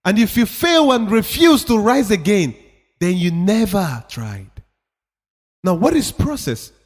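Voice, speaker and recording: Unhurried and high-pitched, a motivational speaker swings his pitch broadly while making emphatic, preachy points that he repeats for effect. The recording has the long reverb of a hall.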